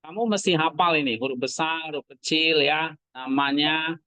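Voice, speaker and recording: A man's voice: a little high, moderate pace, bright, forceful tone, clear, resonant tone, dry recording, rough recording. A man teaching a class, asking his students short questions as he goes. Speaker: Greek language teacher. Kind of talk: classroom lesson.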